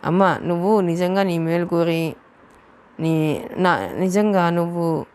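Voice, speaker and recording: A woman voicing a stern, quick-tempered young man in an audiobook novel, speaking harshly and scolding. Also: on the low side, a little mellow, clean tone.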